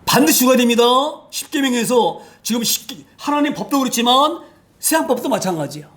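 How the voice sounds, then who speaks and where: Emphatic male pastor, high-pitched voice, sermon delivery with rhetorical questions and dramatic swings in volume. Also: very animated, brisk. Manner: emphatic, rhetorical questions, frequent hallelujahs, wide swings in loudness.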